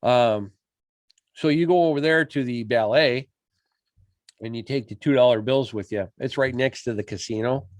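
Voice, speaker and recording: A man from Michigan co-hosts a podcast, spinning straight-faced tall tales in casual chat. His voice has an ordinary pitch. It is recorded close and dry, without echo. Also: moderate pace. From Michigan, USA. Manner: deadpan, tall-tale joking. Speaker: podcast co-host.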